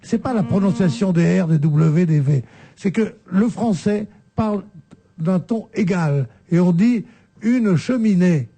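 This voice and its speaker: Guy on a radio panel, highish voice, dark and husky, lecturing everyone half jokingly. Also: animated, unhurried. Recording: radio broadcast.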